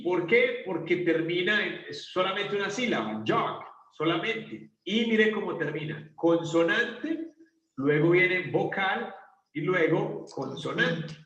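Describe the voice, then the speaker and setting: A man's voice: high-pitched, a bit bright. A man teaching an English grammar lesson, explaining step by step and answering his own questions. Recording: roomy, distant, dull classroom recording.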